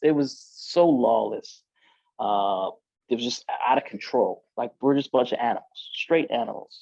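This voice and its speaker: Guy with a dark mellow voice, street slang, lots of "like" and "you know", dull lo-fi dry sound. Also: mid-range voice, no echo. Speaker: podcast guest. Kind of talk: casual storytelling about his past.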